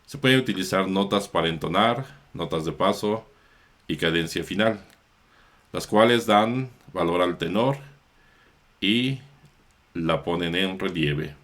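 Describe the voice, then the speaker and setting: Male priest-teacher, low-pitched, measured, unhurried, pausing to correct himself. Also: animated, a bit bright. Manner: slow, measured, with small self-corrections. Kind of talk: explanatory chant lesson.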